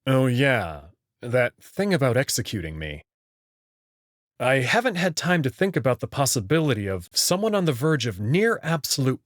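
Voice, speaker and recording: A man narrates his own story in the first person as the anxious, skeptical hero of a visual novel. His ordinary-pitched voice is casual, a touch wry, and lively, with a questioning, doubtful mood, recorded dry and close.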